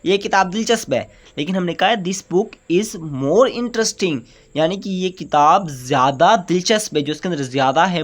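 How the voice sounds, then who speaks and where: A man in a grammar lesson with an Urdu-influenced accent, explaining step by step and often asking and then answering his own questions. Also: on the high side. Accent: Urdu-influenced Hindustani. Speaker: grammar teacher.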